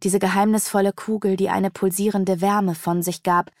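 A woman reading a fantasy audiobook aloud in a steady storytelling manner. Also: mid-range voice, normal speed, no room sound, studio quality. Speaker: audiobook narrator. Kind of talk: scripted fantasy audiobook narration.

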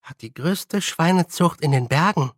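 A man's voice: on the high side, expressive, normal speed, no echo, clean studio sound, pitched above the performer's own voice. A man reading an audiobook voices a nervous, honest young witch girl who hesitates a lot. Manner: hesitant, with many fillers.

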